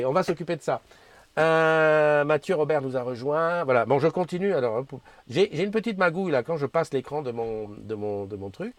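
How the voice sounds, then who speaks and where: A man's voice: fairly high pitch, no room sound. Chatty man hosting a live stream. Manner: chatty, rambling, stumbling restarts, greets viewers by name. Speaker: host of a live community morning show. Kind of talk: casual live-stream chat reading comments.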